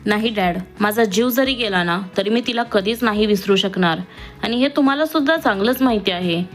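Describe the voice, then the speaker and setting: A woman's voice: mid-range voice, a little fast, music in the background, lightly acted. A woman voicing an outspoken, teasing young woman who has just qualified as a doctor, in a read-aloud story. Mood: lively. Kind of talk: storybook reading.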